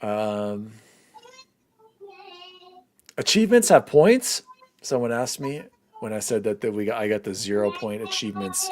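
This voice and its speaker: Male podcast host, animated and chatty, with a lively, varied pitch. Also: unhurried, long pauses. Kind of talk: casual gaming podcast chat.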